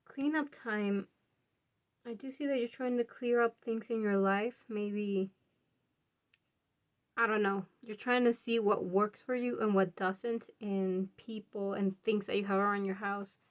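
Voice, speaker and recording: A woman's voice: mid-range voice, fairly even intonation, measured pace. A woman giving a casual pick-a-card tarot reading, chatty and musing aloud, laughing often and a bit out of breath. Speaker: tarot reader.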